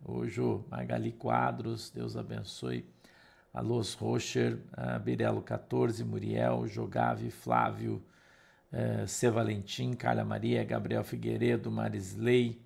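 A man's voice: lowish voice, gravelly, husky. A man with a Brazilian Portuguese accent who leads a morning livestream devotional as pastor, greeting viewers by name and reading scripture aloud. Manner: reads scripture aloud in a steady cadence.

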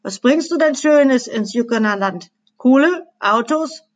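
A woman voicing a calm, cheeky male robber in a storybook reading. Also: high voice, unhurried. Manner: calm, unbothered.

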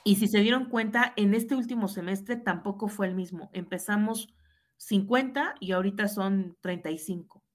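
A woman's voice: medium pitch, normal speed. Mexican woman, teacher, reflective storyteller, earnest, keeps checking in with tag questions, acts out what people said. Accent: Mexican Spanish. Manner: earnest, frequent tag questions, reenacts dialogue. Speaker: high school teacher. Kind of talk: reflective personal storytelling in conversation.

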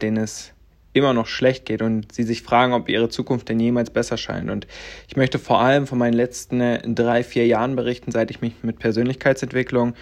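Earnest and rambling, filler after filler, a man in his twenties runs a personal podcast. German by origin and raised in Latvia, he grew up bilingual in German and Russian. His voice sits in the mid range with a darkish tone.

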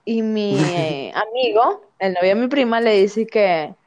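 A woman's voice: medium pitch, measured pace, no room sound. A young woman with a Venezuelan accent, telling a story in casual chat with lots of slang and laughter. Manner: animated, laughing often, slangy.

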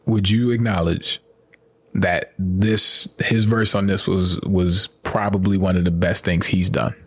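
Casting note: low, husky male co-host, easygoing and rambling, casual podcast banter. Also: fairly even intonation, measured pace. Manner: laid-back, rambling, says "you know what I'm saying" often. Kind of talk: casual chat.

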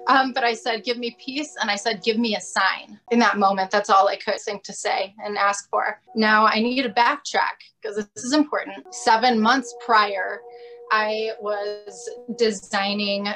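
A woman's voice: medium pitch, steady tone, unhurried, over music. A woman podcast co-host telling a personal story in casual chat, candid and confessional, with many "like" fillers. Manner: chatty, many "like" fillers, laughs often.

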